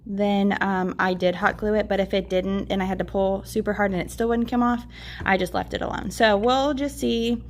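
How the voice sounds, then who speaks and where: A woman's voice: mid-range voice, steady tone, normal speed, slight background noise. A young woman teacher in her twenties chatting casually while setting up her classroom, upbeat and full of fillers. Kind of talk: casual vlog narration.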